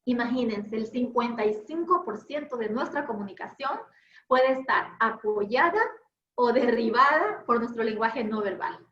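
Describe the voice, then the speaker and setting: A woman trainer from Ecuador, teaching an online class with fast, lively talk and questions to the group. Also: fairly high pitch. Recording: echoey, dull video-call audio with faint noise.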